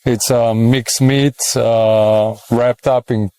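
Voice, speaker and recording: A man's voice: mid-range voice, level tone, slow, warm tone, clear, resonant tone, dry recording. A man in his thirties from Serbia, speaking English with a Serbian accent, answering interview questions casually and hesitantly with many fillers.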